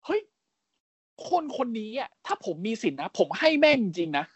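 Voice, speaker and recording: A man co-hosting a casual podcast, recapping events as an animated storyteller, full of crude slang and mimicked voices. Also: high voice, normal speed, slightly rough, no room sound. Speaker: podcast co-host.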